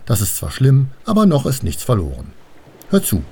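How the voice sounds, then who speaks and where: A man voicing an old, gruff but kind river father spirit who blusters loudly in a storybook reading. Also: mid-range voice, wildly swooping pitch, normal speed, voice pushed up, full character voice. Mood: reassuring. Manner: loud and blustering, then soothing.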